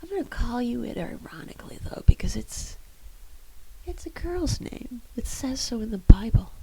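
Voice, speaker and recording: A woman voicing a hungover, snarky young woman who speaks calmly and sardonically, in a whispered role-play. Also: a little high, normal speed, creaky, pitched above the performer's own voice, low-quality recording. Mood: sardonic. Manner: calm, sardonic.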